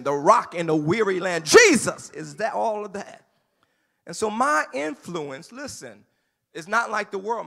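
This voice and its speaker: A man preaching a sermon as pastor in a church sanctuary, moving from calm teaching to shouted, sing-song delivery. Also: high voice, gravelly.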